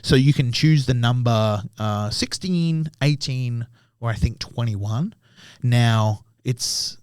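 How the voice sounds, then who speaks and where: A man's voice: mid-range voice, darkish tone, no echo. Male guest, young, loose storyteller, does voices, dry mic. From Australia. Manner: swears often, acts out voices in his anecdotes. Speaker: podcast guest, tattoo artist. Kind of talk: casual storytelling chat.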